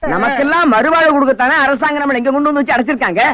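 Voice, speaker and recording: A cheeky comic beggar sidekick, talking in a very high voice. He rattles off teasing, mock-consoling lines quickly, with a dry close sound. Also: sharp tone, no echo.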